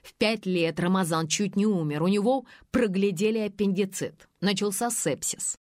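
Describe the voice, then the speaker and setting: A woman reading an audiobook, voicing a rich, smug, dismissive businessman in a lowered drawl. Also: normal speed, a little mellow, no room sound, studio quality, lightly acted.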